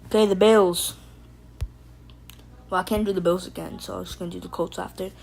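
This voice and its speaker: A woman's voice: lowish voice, steady tone, a little fast, vocal fry, a little mellow, low-quality recording. A woman hosting a casual live stream, joking around, rambling loosely and calling out to viewers by name. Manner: playful, jokey, talks to chat by name; loose and rambling, frequent fillers and restarts. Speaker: livestream host.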